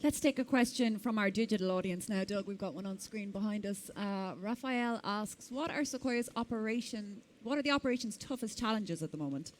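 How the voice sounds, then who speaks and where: A woman moderating a conference Q&A, briskly announcing questions from the audience. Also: medium pitch. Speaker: session moderator. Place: conference stage.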